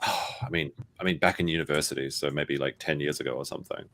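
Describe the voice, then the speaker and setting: A man's voice: extremely low pitch, steady tone, fast talker, a bit bright. A man from Australia with an Australian accent, chatting casually in a group in a jokey, self-deprecating way.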